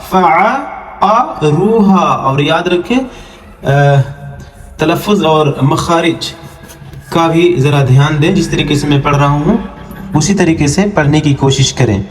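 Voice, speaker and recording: Recorded in an echoey room, a man gives an online lesson on reading Arabic letters for the Quran. Each letter and vowel is spelled out and drawn-out syllables are followed by fast, low-voiced explanations of the rules.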